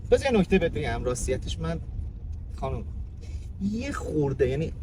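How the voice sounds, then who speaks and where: A man's voice: fairly high pitch, sing-song. A man in a hidden-camera prank, driving and flirting with a passenger in a pushy, teasing way. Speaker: prank driver. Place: inside a car. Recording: noisy car interior.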